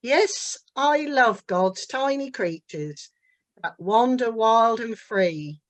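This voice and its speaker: A woman with a Norfolk accent reciting her own dialect poem in a measured lilt. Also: fairly high pitch, animated. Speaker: dialect poet. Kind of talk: poetry recitation.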